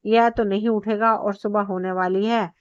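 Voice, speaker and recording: Woman voicing a greedy pompous merchant, bossy, grumbling, hushed and quiet, dull lo-fi sound. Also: medium pitch, steady tone, normal speed, smooth, dry recording, lightly acted. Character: greedy pompous merchant, middle-aged man.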